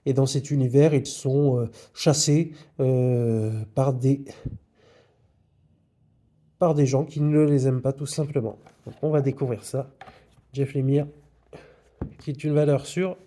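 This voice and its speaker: Hesitant man with a mellow voice. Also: mid-range voice, fairly even intonation, measured pace, long pauses. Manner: hesitant, many fillers. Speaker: comics vlogger. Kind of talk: casual haul video.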